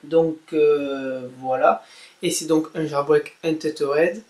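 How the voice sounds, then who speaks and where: A man's voice: fairly high pitch, fairly even intonation, slow, darkish tone. A man narrating a casual tech tutorial, hesitating often with fillers and saying "voilà" after each step. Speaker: tech blogger giving a tutorial.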